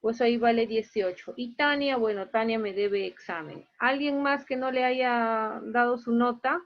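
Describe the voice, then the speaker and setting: A woman's voice: a little high, a little slow, lo-fi sound. A woman teaching an online class, going through her students' grades one by one and explaining each mark in a plain, matter-of-fact way.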